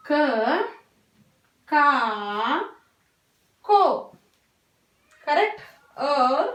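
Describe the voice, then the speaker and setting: A high-pitched woman teacher talks slowly and patiently to small children, repeating each point. She is recorded from a distance in an echoey room. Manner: slow, patient, repetitive, mixes English words into Hindi. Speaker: primary school teacher. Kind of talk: recorded Hindi class for young children. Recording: roomy echo, voice from a distance.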